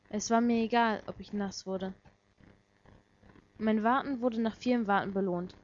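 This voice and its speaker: Woman reading a story, soft and subdued. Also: on the high side. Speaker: story reader. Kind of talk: first-person fan fiction reading. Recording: dull lo-fi recording.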